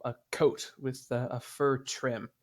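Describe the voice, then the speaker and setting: A man narrating a tabletop game as game master, describing scenes with frequent pauses. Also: mid-range voice, little pitch movement.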